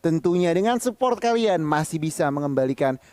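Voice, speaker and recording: A man's voice: a little high, animated, brisk, a little mellow, no echo. An Indonesian man giving live analytical commentary as an esports caster.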